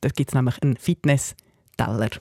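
A man's voice: medium pitch, steady tone, creaky, a little mellow, dry recording, studio quality. A man with a Swiss German accent co-hosting a casual chat, playful and joking, who stretches out his example words. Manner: playful, jokey, drawn-out word examples. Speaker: co-host.

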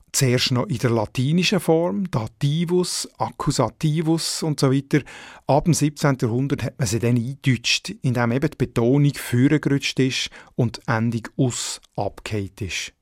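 A man's voice: medium pitch, a little mellow, no room sound. A man with a Swiss German accent, a radio dialect editor, patiently and methodically explaining word stress to listeners in a studio.

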